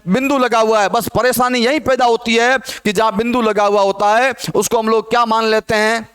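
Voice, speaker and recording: A man's voice: very high voice, steady tone, normal speed, fairly bright tone, smooth. A man teaching a Hindi grammar lesson, who asks the class questions and answers them himself.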